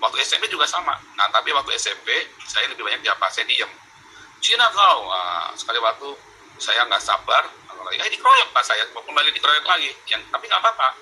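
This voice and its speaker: Bright-voiced emphatic Indonesian man. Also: medium pitch, sing-song, fast talker, slight background noise, low-quality recording. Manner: emphatic, heated, repeats words, addresses interviewer as Pak. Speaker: interviewee. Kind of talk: remote interview, animated storytelling. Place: abroad in Europe.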